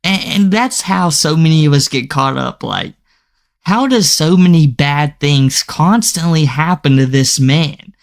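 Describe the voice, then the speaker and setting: A man's voice: on the high side, expressive, measured pace, vocal fry. A young man giving casual reaction commentary to his viewers, talking loosely with frequent stammered restarts. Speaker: commentary YouTuber.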